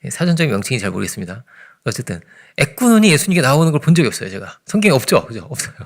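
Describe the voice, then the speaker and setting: A man preaching an early morning sermon in a conversational way, often checking in with the congregation and swinging between loud emphasis and hushed asides. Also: medium pitch, sing-song, rapid-fire. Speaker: pastor.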